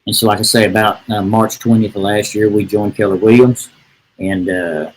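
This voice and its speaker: Man, middle-aged, lowish voice, husky, folksy rambling storyteller. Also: steady tone, normal speed, low-quality recording. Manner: folksy, rambling, with many "and, uh" restarts. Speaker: real estate agent, podcast guest. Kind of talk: casual storytelling.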